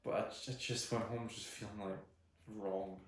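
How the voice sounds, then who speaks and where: A man's voice: fairly low pitch, level tone, normal speed. A man co-hosting a podcast, talking casually with frequent restarts and dry wit. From United Kingdom. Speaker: podcast co-host. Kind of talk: casual film chat. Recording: echoey room.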